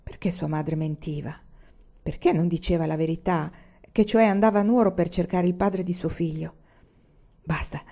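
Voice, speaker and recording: Woman audiobook reader; low, dark, measured narration, dull lo-fi sound. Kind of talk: scripted narration of a novel. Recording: dull lo-fi recording.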